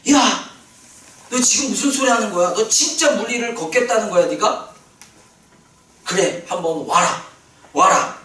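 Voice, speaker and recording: Jesus, loud and eager, as a preacher puts him on. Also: male voice, high-pitched, expressive, measured pace, long pauses, pitched above the performer's own voice. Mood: eager, urging. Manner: shouted, eager encouragement. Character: Jesus, a delighted man urging his follower on. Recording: roomy hall from a distance.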